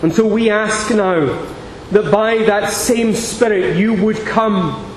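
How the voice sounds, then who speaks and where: A high-pitched man preaches from the pulpit, his voice carried by a microphone through a big, echoing sanctuary. He reads in an unhurried, measured cadence. Long reverb trails behind each phrase over a faint hiss. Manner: measured, deliberate reading. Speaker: pastor. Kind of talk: sermon with scripture reading and prayer. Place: large church sanctuary.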